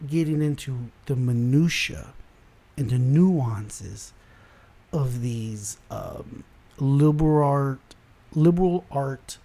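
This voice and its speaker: A young man from South Texas hosting a casual commentary show, ranting about online headlines in an animated, exasperated way and often restarting his sentences. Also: medium pitch, takes it slowly. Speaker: host.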